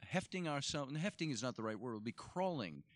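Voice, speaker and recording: A man's voice: medium pitch, sing-song, fairly quick. A man hosting a casual travel podcast, telling stories in a playful, mock-formal way from a hotel room. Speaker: tour host.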